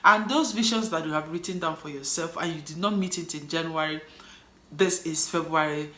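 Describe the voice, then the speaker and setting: A woman's voice: low voice, fairly quick, bright, forceful tone. A woman with a Nigerian accent, chatting to camera as a cleaning vlogger, upbeat and encouraging her viewers. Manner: upbeat and encouraging, motivational sign-off. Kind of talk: casual chat to camera. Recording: echoey room.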